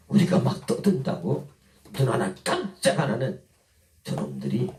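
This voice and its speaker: A man with a Chungcheong Korean accent giving a folksy, impassioned speech that swings between a slow dialect drawl and fiery oratory. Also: a little high, gravelly, warm tone. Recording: echoey, mic from far off.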